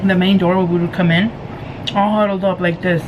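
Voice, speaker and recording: A woman telling a story casually to viewers in an animated, giggly way, acting out what people said. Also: on the low side, a little fast, highs cut off, noisy background. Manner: giggly, animated retelling with acted-out quotes. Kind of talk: casual storytelling chat to camera.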